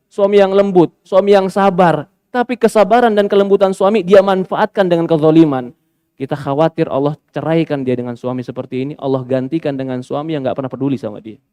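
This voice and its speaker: A male Islamic preacher giving a sermon, asking rhetorical questions and moving between emphatic peaks and quiet asides. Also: on the high side, fairly quick, clear, resonant tone, no room sound, clean studio sound.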